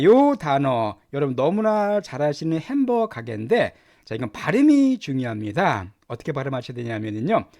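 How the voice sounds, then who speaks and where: A middle-aged man teaching English lessons, explaining words and pronunciation with lively repetition. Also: a little high. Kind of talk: Korean-language English lesson.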